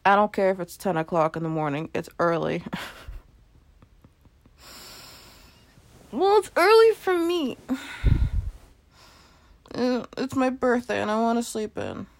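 A woman's voice: medium pitch, fairly quick, creaky, lightly acted. A woman playing a sleepy, playful girlfriend in an intimate role-play, murmuring in a whiny, teasing way and sometimes whispering. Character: sleepy playful girlfriend waking late on her birthday.

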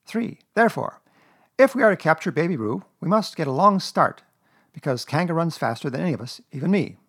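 Man playing a loud, bossy, high-voiced storybook rabbit. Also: big pitch swings, breathy edge, heavily acted. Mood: pompous, declaiming. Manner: brisk, emphatic, pompous, lecturing. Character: bossy, self-important male rabbit who makes plans. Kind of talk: children's storybook character reading.

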